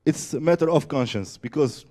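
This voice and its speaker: A man giving a presentation, halting and searching for words with many fillers. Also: on the high side, warm tone. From Tunisia. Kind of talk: conference presentation.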